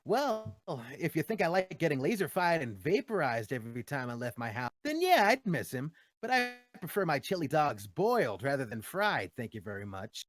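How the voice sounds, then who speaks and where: A man's voice: a little high, sing-song, normal speed, hardly any pauses, no echo. A man voicing a cocky, upbeat hero hedgehog, breezy and quippy, in a fan Q&A. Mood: wry, cocky. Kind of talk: in-character fan Q&A.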